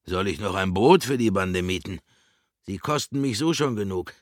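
A man's voice: low voice, expressive, normal speed, no echo, studio quality. A man voicing a grumbling, complaining boatman.

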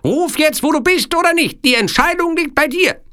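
A shrill menacing Sicilian villain. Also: male voice, lively intonation, bright, forceful tone, full character voice. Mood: threatening. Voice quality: shrill, theatrical. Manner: taunting, drawn-out threats. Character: menacing adult male Sicilian kidnapper, boastful. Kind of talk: audiobook character voice.

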